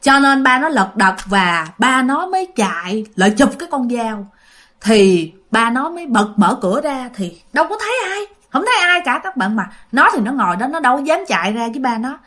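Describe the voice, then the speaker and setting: A woman's voice: on the high side, big pitch swings, fairly quick, a bit bright. A woman telling a ghost story, chatting directly to her listeners.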